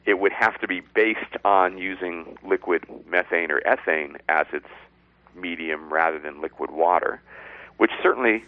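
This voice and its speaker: A man explaining science as an interview guest, measured and step by step in plain words, over a narrow phone-like line. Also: low-pitched, no room sound.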